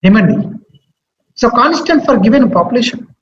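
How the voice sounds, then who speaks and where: A man with a very high voice and a Telugu Indian accent teaches maths to a class. He repeats himself and keeps asking questions to check in. The sound is dull and very echoey, with faint noise. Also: expressive, normal speed. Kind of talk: live classroom maths lecture.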